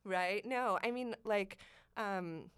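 A woman with vocal fry chatting casually and candidly as an interview guest, in an informal, rambling way peppered with "like". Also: medium pitch, takes it slowly, fairly bright tone, no echo, studio quality. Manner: informal, rambling, heavy use of "like". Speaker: interview guest, blogger and social media creator.

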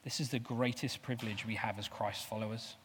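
A man preaching a sermon with passion, swinging from loud declarations to soft, low asides. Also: fairly even intonation, brisk, a little hiss or hum. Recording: long hall reverb.

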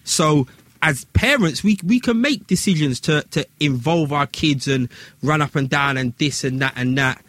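A man's voice: fairly high pitch, moderate pace, fairly bright tone, no room sound. A man with an urban London street accent telling a story in casual, slang-heavy talk, repeating phrases for emphasis.

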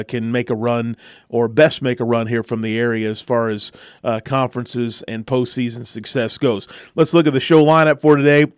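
A man's voice: medium pitch, clear, resonant tone, no echo, clean studio sound. An American man hosting a local sports talk radio show, moving between talk and sponsor reads.

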